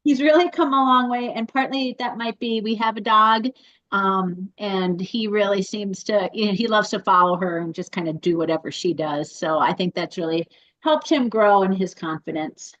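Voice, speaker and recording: A woman's voice: mid-range voice, moderate pace, fairly bright tone, lo-fi sound. A woman who fosters a dog, talking chattily and in detail over a video call. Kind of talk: casual chat.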